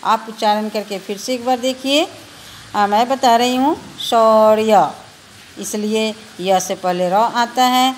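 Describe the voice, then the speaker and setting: A woman's voice: fairly high pitch, unhurried, slight background noise. A woman teacher with a Bihari Hindi accent, patiently spelling out letters one by one in a recorded lesson for children.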